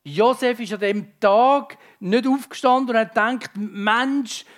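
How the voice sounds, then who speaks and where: A high-pitched man delivers a heartfelt sermon, addressing his listeners directly. His delivery is dynamic, swinging between urgent intensity and quiet, hushed passages. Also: moderate pace. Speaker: preacher.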